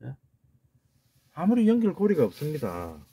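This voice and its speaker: A man's voice: fairly high pitch, huge pitch swings, moderate pace, dark tone, husky. A man giving a casual video lecture on word origins, talking emphatically, repeating words and asking rhetorical questions. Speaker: amateur language lecturer.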